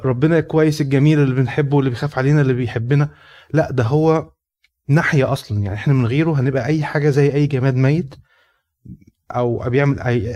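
A man's voice: medium pitch, a little mellow. A man with an Egyptian Arabic accent talking spontaneously about faith and family, with many fillers and restarts. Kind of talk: casual spontaneous talk.

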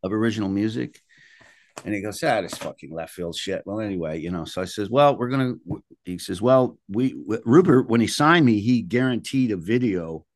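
The older man's deep voice comes through dry, with no room sound. He's animated and a little fast as he spins colloquial, salty anecdotes in the blunt manner of a musician being interviewed.

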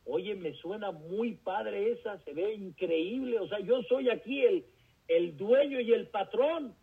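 A man's voice: high voice, slow pace, breathy edge, exaggerated voice. A man with a Mexican accent voicing a man in a parable who haggles with God in slangy speech. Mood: pleased. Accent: Mexican Spanish. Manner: slangy, complaining. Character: grown man bargaining with God, boastful then dismayed. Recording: tinny phone-like recording.

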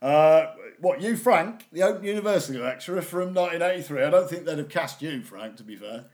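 A man's voice: a little high, fairly quick, close to an everyday voice. A man playing a sarcastic cheeky female student. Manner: deadpan, teasing, ends lines with a name. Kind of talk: improvised comedy sketch.

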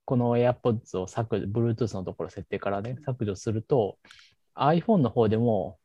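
A man's voice: lowish voice, a little slow, dark tone, slightly rough, dry recording. A man co-hosting a podcast in casual tech chat, easygoing and thinking aloud. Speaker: podcast co-host. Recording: muffled, dry close mic.

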